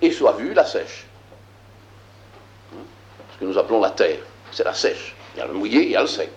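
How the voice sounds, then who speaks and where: A man teaching a lesson, reading scripture aloud and explaining it, slow and emphatic, with frequent filler words. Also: lowish voice, big pitch swings, reverberant, lo-fi sound, slight background noise. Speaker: Bible teacher.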